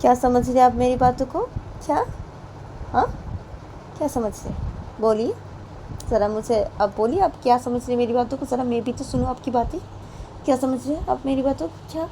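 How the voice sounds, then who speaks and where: A woman's voice: sits high, moderate pace, long pauses, warm tone, slight background noise, voice pushed up, rough recording. A woman voicing a young woman who pleads emotionally with her partner, repeating herself with rising insistence. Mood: challenging.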